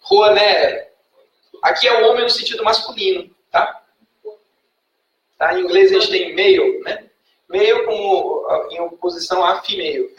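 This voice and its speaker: A Brazilian Portuguese-speaking man teaching a class, patiently quizzing students and checking in with a quick "tá?" after each point. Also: sits high, fairly bright tone, distant mic, muffled recording, a little hiss or hum. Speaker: Greek language teacher. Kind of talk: classroom lecture. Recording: echoey classroom recorded from afar.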